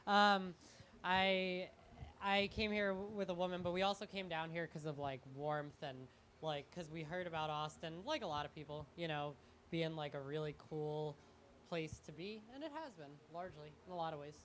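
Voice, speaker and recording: A young man, a comedian and guest, speaking in a halting, rambling, self-deprecating way on a live talk show. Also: fairly high pitch, steady tone, a bit bright, slight background noise. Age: young adult.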